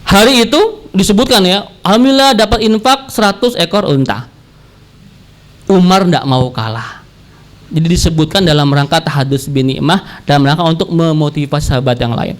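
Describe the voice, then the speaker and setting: A man preaching a sermon in a playful, joking storytelling manner, swinging his pitch widely and trading call-and-response with his audience. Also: brisk.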